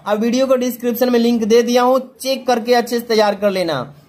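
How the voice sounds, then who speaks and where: A man's voice: very high-pitched, a little mellow. A man with a Hindi accent from Uttar Pradesh, a teacher explaining an exam paper to students, often asking a question and answering it himself. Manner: rhetorical self-answering questions; slow sing-song recitation of verse.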